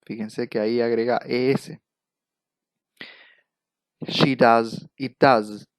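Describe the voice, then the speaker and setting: A man with an Argentine Spanish accent teaching English grammar in a recorded lecture, going slowly and patiently through each verb form. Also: medium pitch, steady tone, clean tone, dry recording, rough recording. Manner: slow, patient, repeats verb forms one by one. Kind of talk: recorded lecture over slides.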